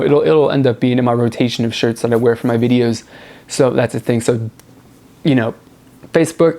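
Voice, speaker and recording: A man with a medium-pitched, slightly mellow voice hosts a music review vlog. He talks casually and enthusiastically, rambling informally and often repeating words for emphasis.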